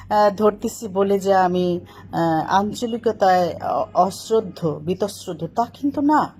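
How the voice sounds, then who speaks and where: A woman's voice: on the high side, a little mellow, slightly rough. A middle-aged woman talking to camera, correcting other people's pronunciation in a lecturing tone. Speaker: vlogger answering critics.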